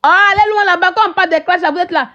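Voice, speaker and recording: A woman's voice: extremely high pitch, fast talker, sharp tone, lo-fi sound. A woman hosting a live stream, ranting at her viewers in a combative, mocking way and often asking "hein?".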